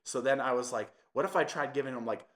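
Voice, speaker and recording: A man's voice: medium pitch, fast talker, a bit bright. A young man hosting a podcast, chatting casually with lots of fillers. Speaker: podcast host. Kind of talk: casual chat.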